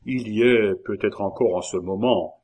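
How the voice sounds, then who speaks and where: A man's voice: fairly low pitch, normal speed, muffled recording, lightly acted. A man voicing a fiery, zealous male innkeeper giving a rousing speech in an audiobook. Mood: impassioned. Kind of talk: audiobook character reading.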